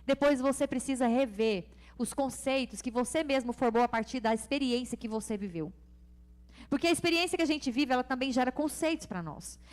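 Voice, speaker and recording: A middle-aged Brazilian woman pastor preaching a sermon with a Brazilian Portuguese accent, fervent and speaking straight to her congregation. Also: high-pitched. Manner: fervent, addresses congregation directly.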